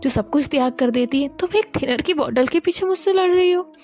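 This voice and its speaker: A woman's voice: sits high, animated, brisk, a little mellow, soft background music. A woman voicing a flustered young woman who stammers and pleads.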